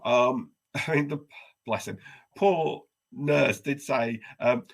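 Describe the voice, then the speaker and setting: A man co-hosting a podcast, telling a story in a wry, self-deprecating, animated way. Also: medium pitch, slow, vocal fry. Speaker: podcast co-host. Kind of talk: casual storytelling chat.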